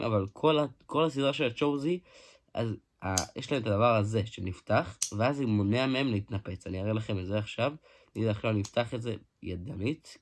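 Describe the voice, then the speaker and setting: A man giving a casual hands-on toy review, excitable, exclaiming often and restarting his sentences. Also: lowish voice. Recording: noisy home recording with clicks.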